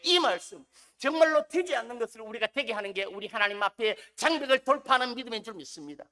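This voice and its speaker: A fervent preacher with a bright, sharp-edged voice gives a Sunday evening sermon in church. The delivery rises to ringing shouts, then sinks to near-murmurs at the ends of phrases. Rhetorical questions keep the congregation involved. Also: mid-range voice, lively intonation, quick pace. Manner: impassioned, swinging from loud shouts to quiet trailing drops. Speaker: pastor.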